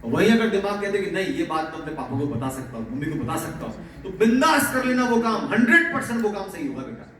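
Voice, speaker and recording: A man's voice: high voice, sing-song, fast, hardly any pauses, a bit bright. A male teacher giving a motivational talk to students in a fatherly way, laughing often. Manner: fatherly, calls listeners "beta", often laughing. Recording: very echoey, distant mic, faint noise.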